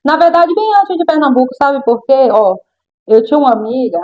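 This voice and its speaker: A woman's voice: high voice, animated, a little fast, dark tone, poor audio. A middle-aged woman with a Brazilian accent, a guest sharing her personal testimony in an interview and acting out the voices of the people in her story.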